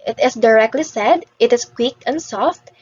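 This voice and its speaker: A woman's voice: a little high, moderate pace, darkish tone, husky, highs cut off. A woman teaching an English vowel lesson to beginners, patiently repeating each word for the class to copy.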